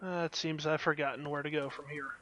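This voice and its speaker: High-voiced man casually commentating a game. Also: flat delivery, fast, bright, forceful tone. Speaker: let's play host. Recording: clear background noise.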